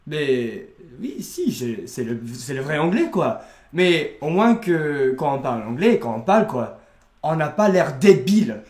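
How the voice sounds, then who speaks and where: Man, English accent, native English speaker, mock-posh, sarcastic, lively pitch, echoey room. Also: unhurried. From England. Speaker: guest. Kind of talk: comedy sketch banter.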